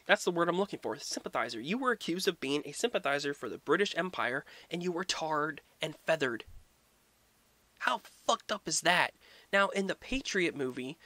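A man's voice: fairly high pitch, pushed and bright, no echo. A young man giving a casual, profane and sarcastic history rant as a vlogger.

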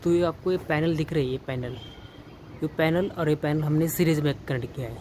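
An electrician films himself off-frame on a handheld phone, casually walking through an installation from a rooftop outdoors to an indoor stairwell and wall. He halts, repeats words and restarts while pointing things out, in a voice on the high side and a little mellow, with a bit of hiss or hum.

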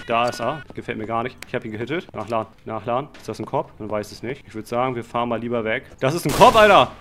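A man giving excited Let's Play commentary on a game, talking to his viewers as friends, with slangy asides and sudden shouted outbursts. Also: mid-range voice. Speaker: gaming channel host.

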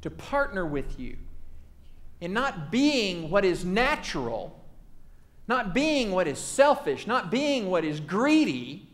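A man preaching from the pulpit in a notably high voice. He builds his points through earnest, rhythmic repetition. He often lets a phrase sink down to a soft hush at its close. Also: very animated, slow. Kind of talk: sermon.

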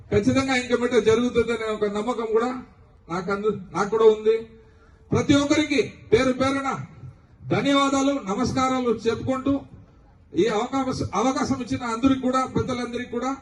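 A man's voice: very high voice, fairly even intonation, a little fast. A man giving an earnest speech that urges his community to stay united. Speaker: speaker at a community gathering. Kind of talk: public speech at a function. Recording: echoey hall from far off.

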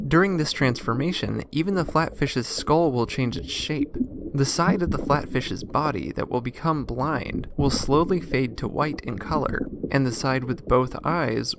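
A man reads a scripted educational narration as host, keeping an upbeat tone and leaning playfully into the jokes. His voice sits at a middle pitch. A clear hiss of background noise runs under the recording.

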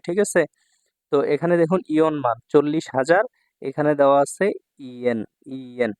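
A man's voice: on the high side, no echo. A man from Bangladesh teaching Japanese kanji in a lesson, repeating words and checking in with his students often. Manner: repeats words and asks "ঠিক আছে?" often.

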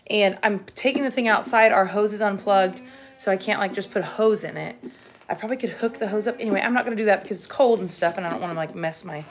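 A woman in her thirties talks through what she is doing in a casual vlog at home. Her speech is colloquial and loosely sweary, at a middling pitch. The room rings noticeably, with clear noise behind her. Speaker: vlogger. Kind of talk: casual vlog chat, thinking aloud. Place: indoors at home, kitchen and other household rooms. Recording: echoey rooms with clear background noise.

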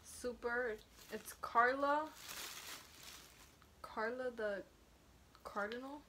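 A woman's voice: on the high side, drawn-out words, pushed and bright. A young woman chatting casually as she unboxes a package, rambling and trailing off mid-sentence. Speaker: vlogger. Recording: noisy home recording.

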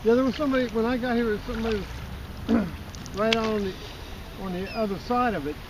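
High-voiced man talking on a noisy beach. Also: fairly even intonation, brisk. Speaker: fellow metal detectorist. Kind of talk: casual chat. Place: outdoors on a beach.

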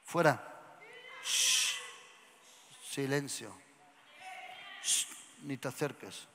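A pastor preaching to his congregation, moving hushed whispers to shouts and asking the crowd questions. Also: mid-range voice, wildly swooping pitch, extremely slow, vocal fry, background noise. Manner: asks the congregation questions and has them repeat lines. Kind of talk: lively sermon to a congregation. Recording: church hall with long reverb.

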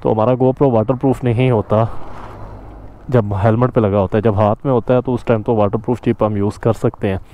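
A man, chatting casually as he vlogs a motorcycle ride through snow, repeating himself and filling pauses. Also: lowish voice, steady tone, highs cut off. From Pakistan. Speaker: motorcycle vlogger. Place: riding a motorbike outdoors on a snowy mountain road. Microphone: helmet-mounted action camera. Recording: road and wind noise. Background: traffic and wind.

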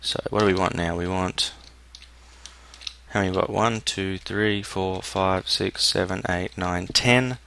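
Low gravelly man muttering gameplay. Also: fairly even intonation, measured pace, pushed and bright, a little hiss or hum. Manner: muttering running commentary, thinking aloud. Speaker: gameplay commentator. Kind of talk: casual let's-play commentary.

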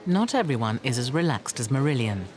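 Lively male documentary narrator. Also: medium pitch, brisk, loud music behind the voice. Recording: clear background location noise.

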